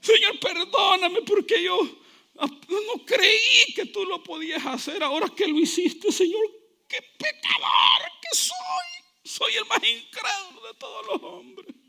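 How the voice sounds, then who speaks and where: A man's voice: very high-pitched, expressive, takes it slowly, vocal fry, sharp tone, shouting, pitched above the performer's own voice, heavily acted. A man putting on the voice of a grown man who weeps and wails his pleas, ashamed of his unbelief. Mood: weeping. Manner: sobbing, wailing pleas. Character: weeping repentant believer, adult man, ashamed.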